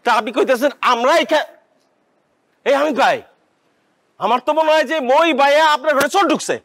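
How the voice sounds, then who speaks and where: Grumbling villager whose ladder got nicked, high voice, quick. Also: male voice, fairly bright tone. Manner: complaining, rustic. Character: aggrieved village man whose ladder was stolen.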